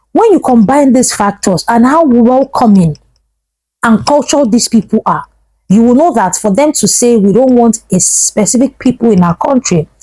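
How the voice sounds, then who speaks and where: A woman's voice: on the high side, dark tone, no echo, poor audio. A Ghanaian woman giving emphatic opinion commentary as a vlogger, repeating phrases for stress.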